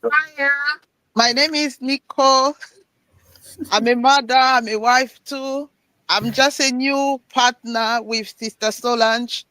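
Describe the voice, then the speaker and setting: Woman from London, shy, slow, slightly high, dry sound. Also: steady tone, sharp tone, no room sound, low-quality recording. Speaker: new panel guest. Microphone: video call.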